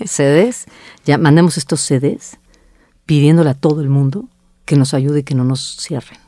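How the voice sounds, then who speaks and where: A middle-aged woman recounts her business story in a lively way, quoting herself and others. Her voice is warm and mellow, and the recording sounds dry and close. She speaks as a guest in a conversational interview. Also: low voice, moderate pace, no echo. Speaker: agency founder, guest.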